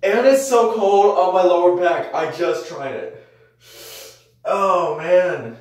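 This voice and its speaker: A man's voice: sits high, lively intonation, a little slow, a little mellow. A young man in ice cold water, groaning and gasping from the cold as he chats casually to the camera in a tiled bathroom. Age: young adult. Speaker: vlogger. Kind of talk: casual challenge vlog chat. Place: small tiled bathroom, in a bathtub. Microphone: camera a few feet away. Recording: echoey bathroom, distant mic.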